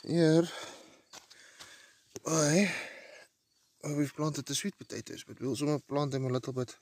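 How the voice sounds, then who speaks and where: A man's voice: a little high, normal speed. Man digging in a garden, talking. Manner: relaxed, commenting while digging. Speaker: homestead vlogger. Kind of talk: casual garden narration. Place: outdoor vegetable garden.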